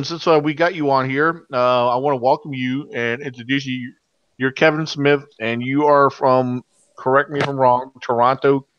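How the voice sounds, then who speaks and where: Halting man hosting, slightly dull audio. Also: mid-range voice, fairly bright tone, no room sound. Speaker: host of an online panel. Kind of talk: casual unscripted hosting.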